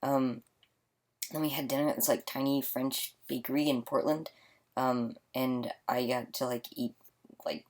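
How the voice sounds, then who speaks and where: A young man in his late teens, tired and mumbling quietly in a casual video diary recorded in a small attic closet. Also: medium pitch, little pitch movement, measured pace. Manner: mumbling, quiet to avoid waking others. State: tired, yawning. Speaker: vlogger.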